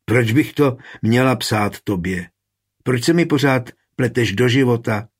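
A man with a husky voice reading an audiobook, raising his voice for an impulsive, bitter young woman. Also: medium pitch, natural voice. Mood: angry.

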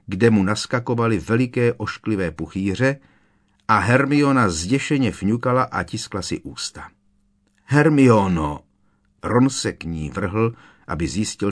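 A man narrating a children's fantasy audiobook in an expressive storytelling manner, switching voices for the characters. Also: lowish voice. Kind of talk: scripted narration.

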